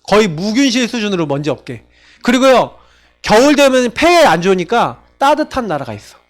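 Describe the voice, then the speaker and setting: A man's voice: sits high, a little fast. A male pastor preaching a sermon in a church, asking his congregation question after question. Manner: animated, asks the congregation rhetorical questions.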